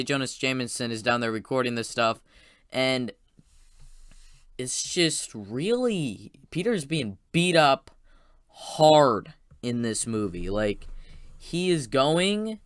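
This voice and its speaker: A man retells a film's plot in a casual spoiler review, stumbling through restarts and fillers. His voice is smooth and crisp. It sits close to the mic with no room sound. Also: medium pitch, dry recording. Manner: rambling, excited retelling full of "like" and restarts. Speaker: movie reviewer.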